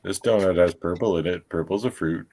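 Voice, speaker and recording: A man with a low, unhurried voice co-hosts a casual livestream conversation. He jokes easily and laughs often, speaking into a remote call mic. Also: dark tone. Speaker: livestream co-host. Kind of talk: casual group chat on a livestream.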